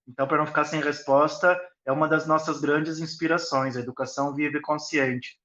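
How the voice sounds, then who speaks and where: A man speaking over a video call on an online panel, slightly higher-pitched than most men. He explains his views thoughtfully, building his points with everyday examples. The sound is dull and lo-fi, like a streamed call. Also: little pitch movement, fairly quick, pushed and bright. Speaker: school founder. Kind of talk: live online panel talk.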